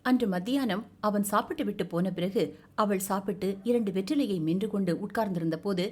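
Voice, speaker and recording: A woman narrating an audio novel in measured, expressive storytelling. Her voice sits at a middle pitch.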